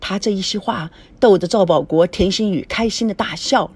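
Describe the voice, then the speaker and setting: A woman narrating an audiobook story in a lively storytelling manner. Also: medium pitch, moderate pace, husky, no echo. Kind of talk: scripted narration.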